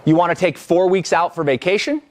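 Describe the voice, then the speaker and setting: A man's voice: sits high, a little fast. A man leading a live business coaching workshop, talking energetically and conversationally and checking in with the group.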